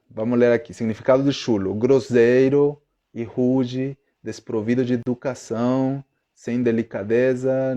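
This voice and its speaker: Guy teaching on a live stream, slow and mellow, keeps asking if everyone's following. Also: medium pitch. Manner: chatty, checks in with viewers often. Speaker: Spanish teacher. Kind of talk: live online lesson.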